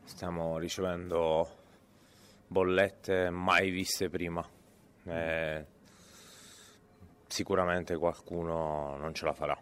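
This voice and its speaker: Low-voiced man, measured street interviewee. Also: level tone, a bit bright, smooth. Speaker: passer-by interviewee. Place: outdoors on a street. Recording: faint outdoor street ambience.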